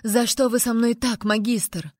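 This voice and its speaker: A woman's voice: little pitch movement, unhurried, dry recording. A woman voicing an outraged young noblewoman. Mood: indignant. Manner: exclaims sharply, higher and louder. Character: indignant young noblewoman heroine, sharp-tongued.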